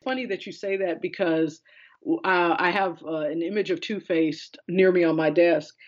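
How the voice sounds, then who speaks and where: This art curator, a woman, speaks at a normal pace in a fairly low voice with fairly even intonation. In a muffled interview recording, she explains things in a conversational, wandering way, loosely paraphrasing other people's words.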